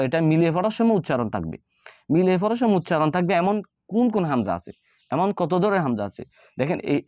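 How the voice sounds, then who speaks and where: A man's voice: fairly high pitch, darkish tone, dry recording, studio quality. Man patiently teaching grammar. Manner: explains step by step, repeats points, frequent "uh" hesitations. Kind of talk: classroom-style grammar lesson.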